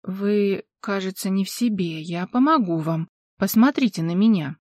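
Woman doing a hushed hypnotic man. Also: high-pitched, no room sound, clean studio sound. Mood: soothing. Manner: slow, quiet, hushed. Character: calm hypnotic man soothing a distressed woman.

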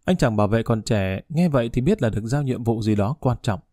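A man narrating a novel in a steady storytelling voice, lightly shifting his tone for each character's lines. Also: mid-range voice, fairly quick, no echo, studio quality. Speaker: audiobook narrator. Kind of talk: scripted narration of a novel, voicing all characters.

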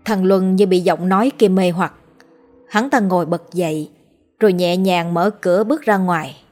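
A woman reading a horror story aloud in a measured, somber narration. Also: on the low side, darkish tone, faint music behind.

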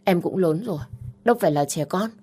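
A woman's voice: on the low side, quick pace, mellow, voice pushed up, close to an everyday voice. A woman voicing a stubborn young heroine who speaks firmly and curtly. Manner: firm, curt, defiant.

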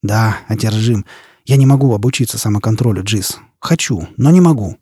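A man's voice: lowish voice, animated, normal speed, warm tone, slightly rough, dry recording, clean studio sound. A man voicing a blunt young man obsessed with revenge, in an audiobook reading. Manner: blunt, curt. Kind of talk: audiobook character voice.

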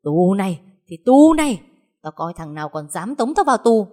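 A woman voicing a furious, hot-tempered peasant woman who shouts threats. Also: medium pitch, lively intonation, a little fast, lightly acted.

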